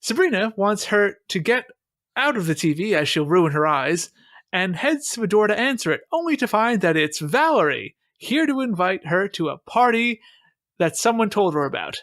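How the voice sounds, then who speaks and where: A man's voice: high voice, sing-song, moderate pace, fairly bright tone, no room sound. A man hosting a podcast, recapping an episode and chatting with a wry, sarcastic manner on a close mic. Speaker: podcast host. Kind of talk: casual chat and episode recap.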